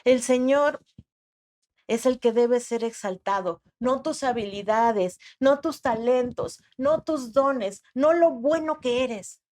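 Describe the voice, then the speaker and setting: Slow, dramatic Mexican woman preaching. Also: a little high, darkish tone. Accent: Mexican Spanish. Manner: slow, dramatic, acts out quoted voices. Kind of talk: sermon.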